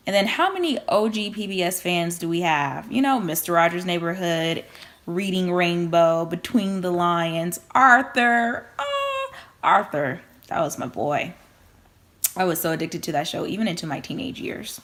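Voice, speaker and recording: Woman in her twenties, vlog co-host, lowish voice, playful. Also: very animated, normal speed, fairly bright tone. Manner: playful, teasing, laughs often. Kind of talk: casual chat.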